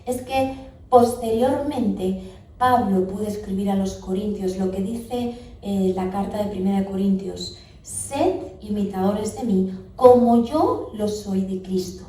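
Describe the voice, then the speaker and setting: A woman with a Spanish accent delivers an emphatic sermon, her voice mellow and warm, and she puts pointed questions to the congregation. She is heard from some distance in a very echoey church hall. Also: mid-range voice. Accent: Spanish (Spain). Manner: emphatic, rising on key words, asks the congregation questions. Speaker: preacher. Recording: echoey church hall, speaker far from mic.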